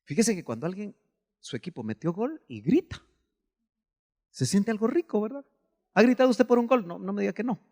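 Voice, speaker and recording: A Guatemalan man with a Guatemalan Spanish accent, preaching a sermon as pastor, animated and breaking into sudden shouts. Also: sits high, a little fast, pauses often, big-room sound.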